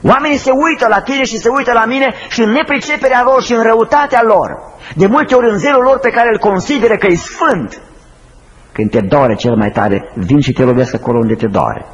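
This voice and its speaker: A man preaching a sermon, swinging between high urgent pleas and slow, hushed low phrases. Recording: slightly dull lo-fi recording with faint noise.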